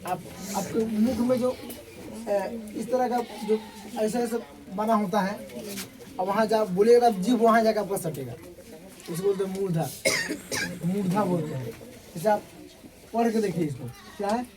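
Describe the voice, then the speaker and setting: A man's voice: sits high, normal speed, long pauses, a crowd in the background, low-quality recording. Man drilling sounds in class. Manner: drills sounds aloud, repeats and checks students. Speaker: teacher. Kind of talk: classroom grammar lesson. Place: classroom with pupils.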